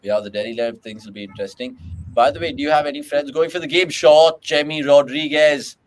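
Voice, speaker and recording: A man's voice: medium pitch, lively intonation, rapid-fire, poor audio. A young man with a British accent hosting a live cricket watchalong, chatting with co-hosts, calling shots and reading out viewer questions.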